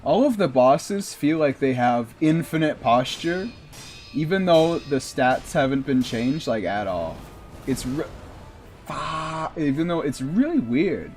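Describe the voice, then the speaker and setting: A man's voice: on the high side, very animated, slow pace, a little mellow, soft background music. A man streaming a video game, rambling in casual commentary and swearing at the boss now and then.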